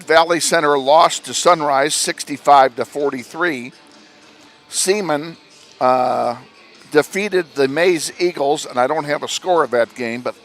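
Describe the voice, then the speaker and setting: Folksy man recapping a tournament, higher voice. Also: fairly bright tone. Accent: Midwestern American. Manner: informal, frequent fillers and self-corrections. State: slightly out of breath. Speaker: play-by-play broadcaster. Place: school gym broadcast booth.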